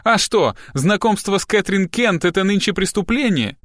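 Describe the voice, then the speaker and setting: A male audiobook reader voicing a spiteful, hysterical young woman with a coarse, rough voice, shrill and tearful. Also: animated, moderate pace, fairly bright tone, dry recording, clean studio sound. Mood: venomous. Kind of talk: audiobook character reading.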